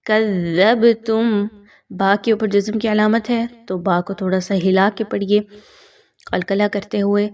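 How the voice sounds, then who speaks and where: Female tajweed teacher, patient explainer, mid-pitched voice, a little distant from the mic. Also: level tone, lo-fi sound. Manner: explains patiently, then recites slowly and louder. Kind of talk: recitation lesson with explanations.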